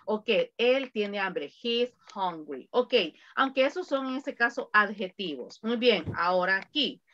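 A woman's voice: mid-range voice, unhurried, a bit bright, lo-fi sound. A woman teaching an online English class, switching between English and Spanish to explain grammar and drilling her students with countdowns.

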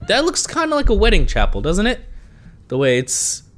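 A young man's high voice swoops wildly in pitch at normal speed as he nervously narrates his way through a horror game. He's a gaming video creator, congested from allergies, recording on a headset mic in a small room at home.

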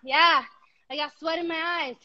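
A woman's voice: sits high, fairly even intonation, moderate pace, lo-fi sound. A woman co-hosting a live workout from her home garage over a video call, breathless and joking about the effort. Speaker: workout co-host. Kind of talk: casual chat during a workout.

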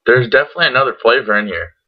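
A man's voice: mid-range voice, expressive, racing, a little hiss or hum. A young man chatting casually to camera in a laid-back, sweary, rambling review, his words slightly muffled by a lip full of dip. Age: young adult. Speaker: tobacco product reviewer. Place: small bedroom, indoors. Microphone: computer webcam at arm's length. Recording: dull lo-fi webcam audio.

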